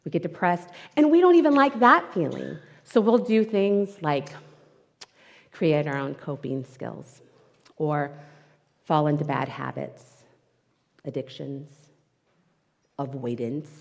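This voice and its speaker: A woman with a low, creaky voice speaks slowly, with lively intonation and frequent pauses. As a guest speaker at a spiritual centre, she gives an emotional, candid, personal inspirational talk into a microphone in front of her, livestreamed from a hall with long reverberation.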